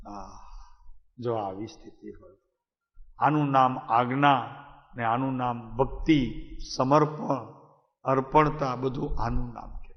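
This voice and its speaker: A man with a Gujarati accent telling a devotional story to a gathering, repeating phrases for emphasis and asking listeners questions. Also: a little high. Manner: repetitive, emphatic storytelling, asks audience questions. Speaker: spiritual discourse speaker. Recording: reverberant hall, dull lo-fi sound.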